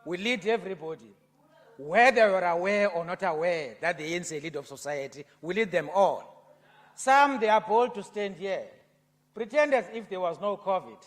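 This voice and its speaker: A South African man giving an oratorical debate speech in a provincial legislature, building to loud passion. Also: sits high, animated, normal speed. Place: legislative chamber. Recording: long reverb of a legislative chamber.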